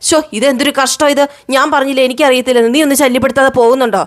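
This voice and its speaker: A woman's voice: high voice, steady tone, racing, voice pushed up, natural voice. A woman doing a cranky old grandmother. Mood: irritable. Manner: scolding, impatient. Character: irritable old grandmother, dismissive.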